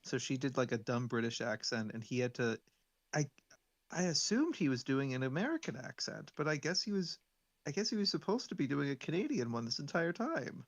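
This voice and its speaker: A young man co-hosting a casual chat, unhurried and hesitant, often trailing off. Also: medium pitch, big pitch swings. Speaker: podcast co-host.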